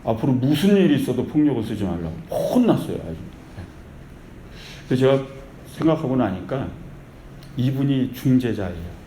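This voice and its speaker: A male pastor delivers an animated sermon, mixing preaching with storytelling. His voice is mellow and dark, heard in an echoey church sanctuary with a faint hiss behind it. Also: medium pitch, moderate pace, pauses often. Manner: animated storytelling with repeated calls of faith.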